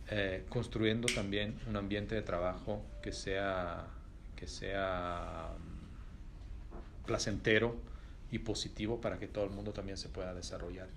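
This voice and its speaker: A middle-aged Italian man, whose first language is Italian, answers interview questions in Spanish as a company executive. His voice is fairly low, with a little hiss or hum on the recording. He reflects thoughtfully, pausing often with many fillers and restarts.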